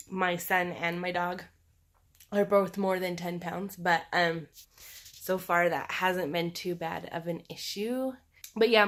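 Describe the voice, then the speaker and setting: Bright-voiced woman, scratchy from sore throat. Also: lowish voice. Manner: halting, candid, conversational. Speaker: personal vlogger. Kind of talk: casual confessional video diary.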